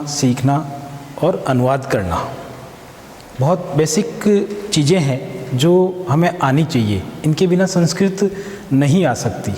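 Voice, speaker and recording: A man teaching a Sanskrit grammar lesson in a slow, deliberate way, drawing out conjugations and sounding out syllables. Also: on the high side, darkish tone. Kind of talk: classroom-style grammar lesson. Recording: echoey room with long reverb.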